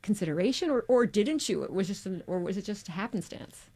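A woman's voice: mid-range voice, animated, a little fast, warm tone, no echo. A woman from New York hosting an interview, asking direct, curious questions with a light playful touch. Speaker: radio interview host. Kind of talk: conversational interview.

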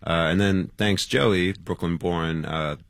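Man, very low voice, dry close sound, rambling guest in a casual radio interview. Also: slow, vocal fry, no room sound. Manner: rambling, loose and conversational. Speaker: guest musician.

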